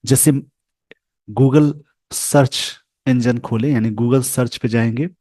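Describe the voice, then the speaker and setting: A man teaching English pronunciation over a screen share, speaking slowly and carefully and repeating sounds for his learners. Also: mid-range voice, steady tone, mellow, no room sound.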